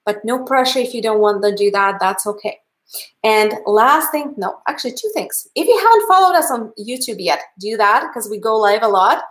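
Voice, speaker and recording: Wrapping up her livestreamed painting class from an indoor home art studio, this Canadian instructor in her thirties, who has a Russian accent, chats warmly and upbeat. She speaks at a normal speed in an animated, fairly bright voice on the high side.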